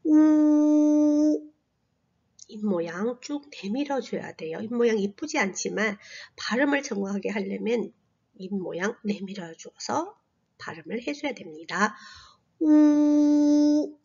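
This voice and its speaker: A woman teaching a slow, patient language lesson to children, modeling sounds in long drawn-out tones and dropping to a soft whisper on asides. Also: medium pitch, lively intonation, highs cut off. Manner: drops to a breathy near-whisper on asides.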